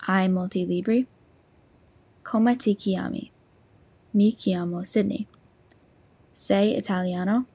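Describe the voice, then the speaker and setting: A woman, a language learner, reading an Italian practice exercise slowly and carefully, with small slips. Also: mid-range voice, steady tone, warm tone, breathy edge, no room sound.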